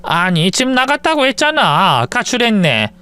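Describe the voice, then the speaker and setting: A man's voice: high voice, huge pitch swings, unhurried, sharp tone, smooth, no echo, pitched above the performer's own voice, exaggerated voice. A man voicing an older mother-in-law who pleads and scolds in old-fashioned speech. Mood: fretful.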